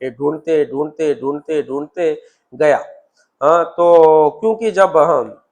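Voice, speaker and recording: Animated Indian male temple storyteller. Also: a little high, slow pace. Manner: animated storyteller, acting out dialogue and repeating words for effect. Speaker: temple preacher. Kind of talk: storytelling sermon.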